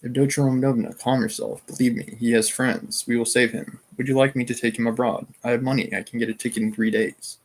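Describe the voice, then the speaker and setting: A suave, scheming nobleman presses his case in a steady, mid-pitched tone, read by a man in his ordinary voice. He sounds smooth but insistent, pleading with growing urgency. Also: fast, hardly any pauses, natural voice.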